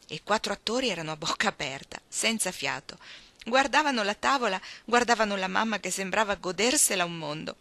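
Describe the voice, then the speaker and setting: Bright-toned woman reading a story aloud. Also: mid-range voice, no room sound. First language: Italian. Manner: expressive, storytelling. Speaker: reader. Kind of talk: audiobook narration.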